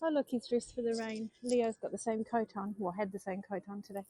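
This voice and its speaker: A New Zealand-accented woman live-streams a casual chat with viewers as she strolls city streets after dark, her mood subdued and let down. She speaks briskly in a fairly high, mellow voice with a steady tone, captured in a dry recording.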